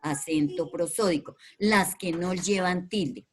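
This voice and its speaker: Slow-talking woman teacher. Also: fairly low pitch, slight background noise. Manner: slow, repetitive, with many fillers. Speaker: primary school teacher. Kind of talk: online class explanation.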